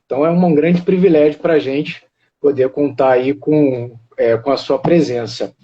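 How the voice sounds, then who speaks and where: A man's voice: on the high side, fairly even intonation, normal speed, mellow, muffled recording. A man hosting a casual live-stream interview over a video call, friendly and joking about football.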